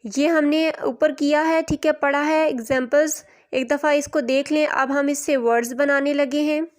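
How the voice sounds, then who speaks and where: A woman's voice: high voice, steady tone, normal speed. A woman teacher, giving a recorded English lesson and sounding words out letter by letter with explanations in Urdu. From Pakistan.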